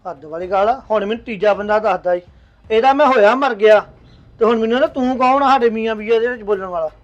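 Brief: actor as a resigned elder brother, quick mid-range voice, aggrieved. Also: male voice, high voice, highs cut off, close to an everyday voice. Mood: indignant. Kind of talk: Punjabi web drama acting.

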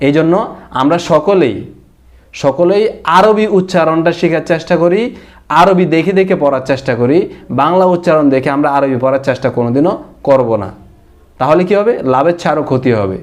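A man with a Bangladeshi Bengali accent teaching Quran recitation, emphatic and repeating his points, drawing words out slowly to demonstrate. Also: on the high side. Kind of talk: explanatory lesson.

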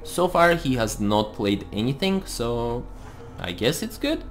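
A man's voice: medium pitch, very animated, a little slow. A man giving casual gameplay commentary, thinking aloud as he plays. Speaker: host of a card game let's play series. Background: music.

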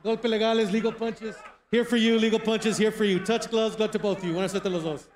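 A man refereeing boxing rattles off bilingual instructions very quickly on an even, high pitch. The sound is roomy, with some crowd and noise around him. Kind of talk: rapid bilingual pre-fight instructions. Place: boxing ring in a large indoor venue. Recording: roomy, noisy arena with crowd.

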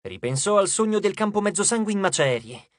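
A man's voice: high-pitched, big pitch swings, fairly quick, dry recording, clean studio sound. A man narrating an audiobook, telling the story expressively. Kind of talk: scripted narration.

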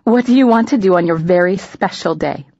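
A woman's voice: on the low side, brisk, mellow, dry recording, dull audio. A woman voicing an upbeat, doting middle-aged mother in an audiobook, eager and cheerful. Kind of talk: audiobook dialogue.

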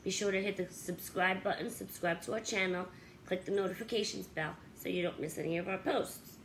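A woman's voice: a little fast, a little hiss or hum, rough recording. A middle-aged woman casually reviewing a laundry gadget to camera at home, chatty and upbeat, with fillers. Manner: chatty, upbeat, with fillers; high baby-talk when calling her dogs. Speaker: pet channel host. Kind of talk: casual product review vlog. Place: home bedroom with dog beds, indoors.

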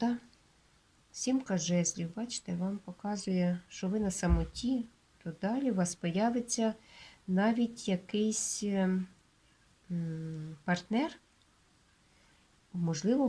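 Woman, Ukrainian accent, relaxed mellow tone; casual tarot reader who explains patiently and hedges with fillers. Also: mid-range voice, breathy edge. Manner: unhurried, explanatory, with many hesitations and checks like "da?". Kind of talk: casual tarot reading monologue.

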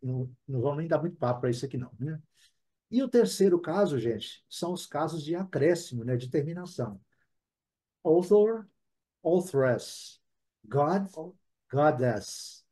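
A man with a Brazilian Portuguese accent teaching a live online English class, chatty and often adding quick tag questions. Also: on the high side, animated, dark tone, slightly rough.

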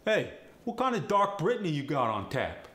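A man's voice: on the high side, very animated, moderate pace, a bit bright, voice pushed up. A man voicing a cheeky working-class Cockney bloke with a Cockney accent, punchy and colloquial, acting out example sentences for a slang lesson. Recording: roomy echo, faint background noise.

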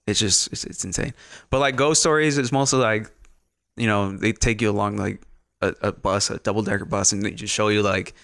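A young adult man from Ciudad Juarez, Mexico, with a Mexican accent, chats casually as a podcast guest in a small indoor studio, close on a studio mic and wearing headphones. His lowish voice is creaky, fairly bright and clean, with a steady tone and a fairly quick pace. The recording is dry.

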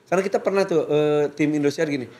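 A man's voice: fairly high pitch, quick pace, mellow, distant mic. A young man hosting a talk show, teasing and joking in casual chat. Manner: playful teasing with laughter.

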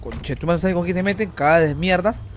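A man streaming a game, swearing a lot and talking loud and frantic. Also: high-pitched, racing, a little hiss or hum. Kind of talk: casual gaming stream chat.

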